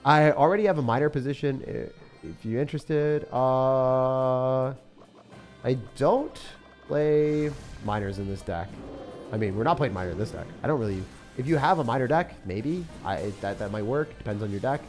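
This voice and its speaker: Over faint background music, a young man streams gameplay and banters with his audience, reading their messages aloud and using words like "bro" and "man." His mid-range voice is a little mellow and keeps a moderate pace.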